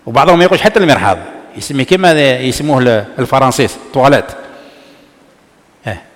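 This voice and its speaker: A man giving a religious lesson, explaining a text and answering his own rhetorical questions. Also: a little high. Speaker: religious teacher. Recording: long reverb of a large hall.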